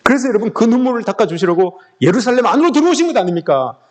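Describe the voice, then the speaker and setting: A man's voice: extremely high pitch, sing-song, very fast, a little mellow. A man preaching a sermon as pastor, emphatic and often calling out to the congregation. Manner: emphatic, repeatedly addressing the congregation.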